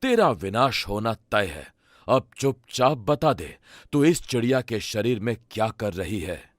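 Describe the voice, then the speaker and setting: A man voicing a stern male tantric exorcist in a Hindi cartoon, low, commanding and threatening. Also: big pitch swings, measured pace, no room sound, clean studio sound.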